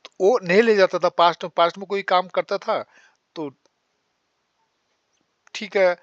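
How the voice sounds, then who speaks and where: Male English tutor, unhurried, drills example sentences, dry close sound. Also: sits high, steady tone, no room sound, dull audio. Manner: explains in Hindi, models slow English sentences. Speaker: English teacher. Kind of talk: spoken English lesson.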